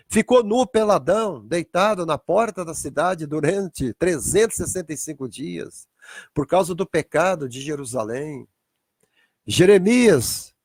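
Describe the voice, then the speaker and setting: A man's voice: on the high side, darkish tone, no room sound, studio quality. A man preaching a dramatic livestreamed sermon, acting out biblical scenes as he goes. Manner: theatrical, acts out biblical scenes. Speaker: pastor.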